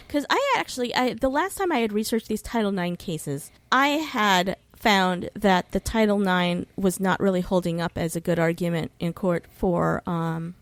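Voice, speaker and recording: A woman with a voice on the low side, recorded without echo, talks casually about legal issues as a guest on a podcast. She's informal and sweary, and she falters a bit while recalling specifics.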